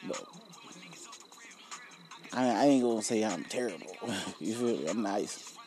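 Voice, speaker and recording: Mellow, laid-back man chatting over music. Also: fairly low pitch, animated, measured pace. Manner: laid-back, slangy, profane, filler tags seeking agreement. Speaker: rapper promoting own music. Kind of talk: casual solo vlog chat.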